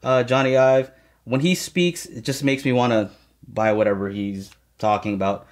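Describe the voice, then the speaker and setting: A man's voice: mid-range voice, steady tone, moderate pace. A man hosting an interview, asking casual questions in an enthusiastic, chatty way. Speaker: interview host.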